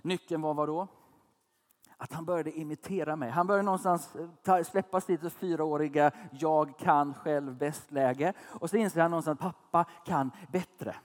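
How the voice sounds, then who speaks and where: A man's voice: a little high, in a large hall. A man in his thirties preaching a casual, conversational sermon, often asking his listeners if they follow. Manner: chatty, asks listeners questions.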